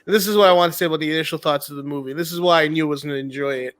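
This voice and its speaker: A man co-hosting a film podcast in casual chat, excitable and laughing between points. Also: a little high, racing.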